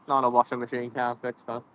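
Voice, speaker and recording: A man's voice: mid-range voice, a bit bright, muffled recording, a little hiss or hum. A young man with a Scouse accent, chatting casually and laughing often as he fishes outdoors and answers viewer comments. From Liverpool, England. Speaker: fishing vlogger. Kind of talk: casual live-stream chat while fishing. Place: outdoors by cold water.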